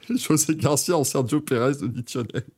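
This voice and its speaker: A man's voice: medium pitch, normal speed, darkish tone, breathy edge. Young man, podcast host, casual chat, jokey, laughing asides.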